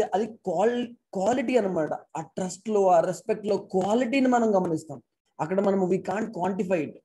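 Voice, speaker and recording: Through an external mic connected to his laptop, a man with a high, warm voice addresses an online class remotely. He weaves English phrases into the lecture and asks rhetorical questions, all on a low-quality recording.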